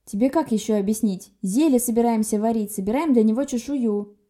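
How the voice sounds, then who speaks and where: A woman voicing a sharp-tongued, quick-tempered young sorceress who talks brusquely and scolds. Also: a little high, natural voice.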